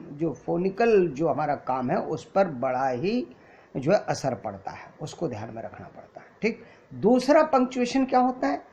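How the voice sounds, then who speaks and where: Lecturing in Hindi sprinkled with English terms, a man with a fairly high pitch and darkish tone patiently teaches an acting class. The sound is dull and lo-fi.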